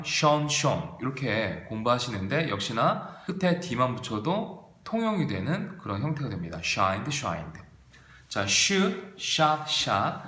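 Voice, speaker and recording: Man lecturing slowly with lively pitch. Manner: drills verb forms aloud, asks and answers own questions. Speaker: English teacher. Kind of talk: online video lecture. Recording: roomy echo.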